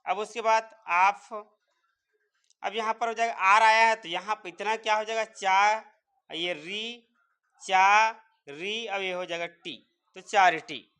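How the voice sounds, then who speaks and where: A man's voice: sits high, fairly even intonation, moderate pace, bright, forceful tone, clear, resonant tone. A man teaching English pronunciation step by step, repeatedly quizzing his viewers. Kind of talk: spoken English lesson.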